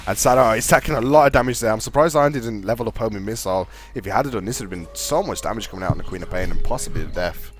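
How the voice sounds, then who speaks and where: A man casting a live video game match, fast play-by-play with a fairly steady delivery. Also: on the low side, faint music behind. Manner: fast, chatty play-by-play talking to co-caster; calls his own voice monotone. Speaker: esports caster.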